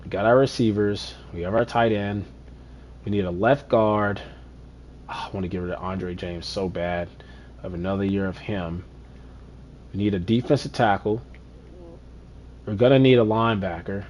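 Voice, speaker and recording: Low-voiced male streamer muttering through a rebuild. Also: steady tone, moderate pace, long pauses, darkish tone, slight background noise. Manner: chatty, muttering to himself, exasperated rants. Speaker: gaming streamer. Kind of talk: casual gameplay commentary.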